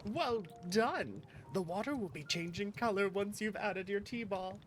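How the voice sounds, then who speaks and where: A streamer reads game dialogue aloud, voicing a cheerful, theatrical character who patiently explains how to make tea, in a cheerful, instructive mood. The voice is mid-range, expressive, unhurried and lightly acted, with music behind it and heavy background noise.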